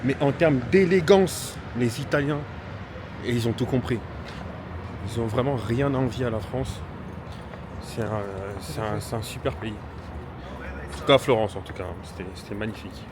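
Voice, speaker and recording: A man with a medium-pitched voice, moderate pace and long pauses vlogs casually on a trip, talking to a handheld camera in a hotel room and on city streets. He's a chatty, enthusiastic influencer with plenty of fillers, and the street ambience is noisy.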